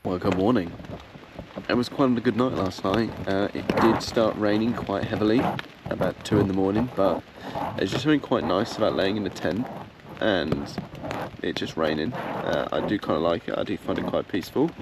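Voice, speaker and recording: A man with a deep, low voice chats casually to his viewers as a solo camping vlogger. His delivery is understated and a little halting. The recording is outdoors in woodland, with noticeable ambient noise behind him. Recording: clearly noisy outdoor ambience.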